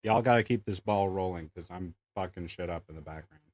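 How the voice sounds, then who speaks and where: A man's voice: low voice, brisk, a little mellow, no echo. A man hosting a gaming stream, talking casually and cursing, laughing as he argues his case. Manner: laid-back, profane, laughs while arguing. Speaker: streamer host. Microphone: voice chat mic.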